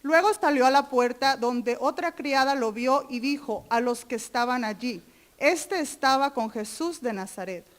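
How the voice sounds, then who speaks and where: A woman reading Bible verses aloud during a sermon, steady and careful. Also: sits high, normal speed. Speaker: scripture reader.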